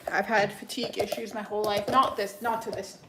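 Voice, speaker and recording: A young woman rambles to her livestream viewers with a stuffed-up nose, full of restarts and fillers. Her mid-range voice is flat and fairly quick, and the echoey room carries clear background noise.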